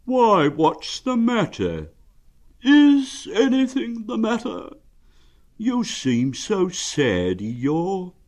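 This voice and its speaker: A man's voice: sits high, huge pitch swings, extremely slow, a little mellow, pitched above the performer's own voice, heavily acted. A man voicing a friendly, simple-minded storybook bear, earnest and a little puzzled. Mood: puzzled, friendly concern.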